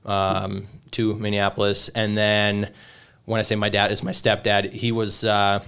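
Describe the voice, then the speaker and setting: Smooth-voiced young man, rambling. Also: on the low side, completely flat delivery, a little slow, fairly bright tone. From Lithuania. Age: 20s. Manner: rambling, hesitant, many fillers. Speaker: podcast guest, pinstriper. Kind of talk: casual interview storytelling.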